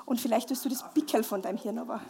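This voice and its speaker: Woman preacher, high voice, lively live sermon with questions to the congregation. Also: racing, vocal fry, a crowd in the background. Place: church hall, live before a congregation.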